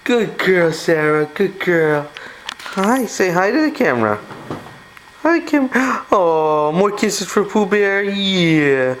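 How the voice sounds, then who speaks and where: A woman's voice: lowish voice, sing-song, slow, slight background noise. A woman coaxing a small child in sing-song baby talk, heard through old camcorder audio. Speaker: parent filming a child. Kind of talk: home video baby talk.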